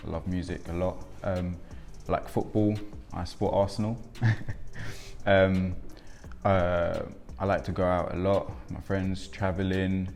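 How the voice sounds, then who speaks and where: This documentary interviewee, a young father in his twenties born in Congo and brought up in England, has a low, creaky, slightly mellow voice. He speaks reflectively and fills pauses with lots of ums.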